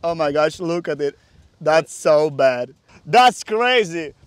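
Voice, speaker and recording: A young man with a Slavic English accent hosting a casual vlog, excitable and enthusiastic, on a lapel mic outdoors and at a car wash. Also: a little high, slow pace, clear, resonant tone, no echo. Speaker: vlog host. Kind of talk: casual chat.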